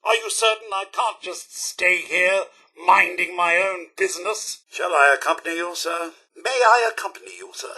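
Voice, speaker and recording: An actor plays a prim, loyal robot butler for a video game, speaking with a British accent and formal, servile, theatrical diction. His male voice sits high at a normal speed, sharp with a breathy edge, heavily acted in a deferential, dry mood.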